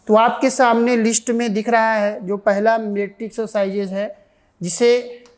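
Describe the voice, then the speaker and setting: A woman's voice: fairly high pitch, darkish tone. Indian woman teaching an exam lecture. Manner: repetitive, asks and answers own questions. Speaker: defence exam coaching teacher. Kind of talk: online lecture.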